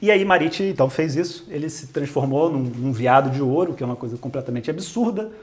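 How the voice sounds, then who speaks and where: A man with a Brazilian accent retells an old tale in a loose, joking way, full of asides and modern comparisons. His voice sits high for a man. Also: expressive, fast talker. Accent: Brazilian Portuguese. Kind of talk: casual comic retelling.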